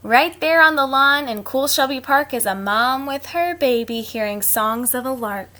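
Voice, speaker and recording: This woman reads children's picture books aloud in a teacherly way, her voice high and her pace moderate. She puts real expression into it and pauses for easy, offhand remarks that keep things simple for young listeners.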